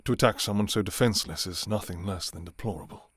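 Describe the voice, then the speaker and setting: A man playing a courtly, restrained vampire king in an intimate ASMR role-play, speaking formally and softly with some hesitation. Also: on the low side, fast talker, breathy edge, no echo, clean studio sound. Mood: contrite, courtly. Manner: formal, archaic, hesitant, soft-spoken. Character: courtly adult male vampire king, restrained, yearning for his enemy.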